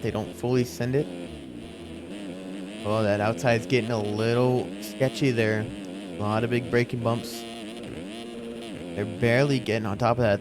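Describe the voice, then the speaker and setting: A man's voice: mid-range voice, noisy background. A man giving live motorsport race commentary in an informal, conversational play-by-play style.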